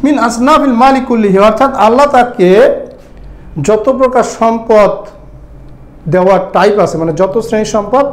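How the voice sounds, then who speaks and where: A man's voice: very high-pitched, normal speed, pauses often, reverberant. A man teaching Arabic grammar in an online lesson. He explains step by step and keeps asking his students whether they follow. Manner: explains step by step, often checks "right? clear?".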